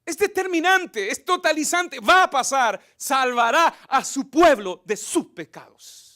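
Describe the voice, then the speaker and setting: Male pastor, high-pitched, slow, impassioned, repetitive sermon delivery. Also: lively intonation. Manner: impassioned preaching, swinging between shouts and whispers; repeats phrases for emphasis.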